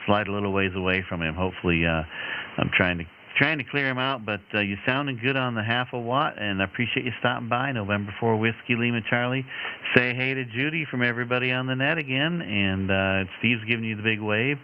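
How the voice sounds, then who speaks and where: A man's voice: medium pitch, fairly quick. A man acting as net controller on amateur radio, taking check-ins with procedural jargon and call signs. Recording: crackly muffled radio audio, heavy noise.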